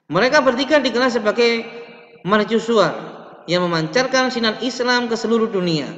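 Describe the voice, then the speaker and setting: A fairly high-voiced young man gives an online lesson, reading his slides and explaining them with restarts along the way. His voice carries a long reverb in a roomy space. The webcam audio sounds dull and lo-fi. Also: normal speed, fairly bright tone. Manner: reads slides aloud and adds explanation, with restarts and stretched words. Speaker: teacher.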